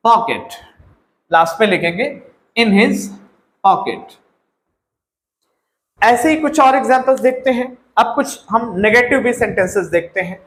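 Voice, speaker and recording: A man's voice: high-pitched, a bit bright, echoey room, rough recording. A man with an Indian accent teaching English grammar, explaining step by step and repeating words and phrases. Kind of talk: classroom-style grammar lesson.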